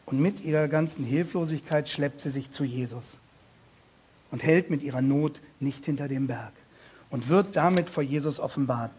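Guy preaching a sermon, kinda husky voice, pitched a bit high, leans hard on key words and asks the congregation questions. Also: darkish tone. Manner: emphatic, slows down and repeats key words; addresses the listeners directly with questions. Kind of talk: sermon expounding a Bible passage.

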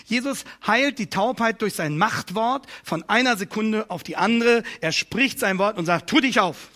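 A man's voice: sits high, moderate pace, sharp tone. A man preaching a sermon, emphatic and building his points through repeated phrases.

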